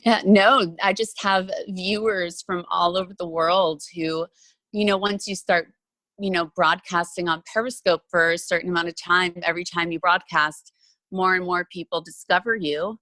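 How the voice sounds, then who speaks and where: A woman's voice: lowish voice, steady tone, moderate pace, sharp tone, no room sound. A woman, an actress and former reporter, talking openly as a podcast guest, with lots of "um" and "you know.". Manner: chatty and open, with frequent fillers. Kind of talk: casual interview conversation.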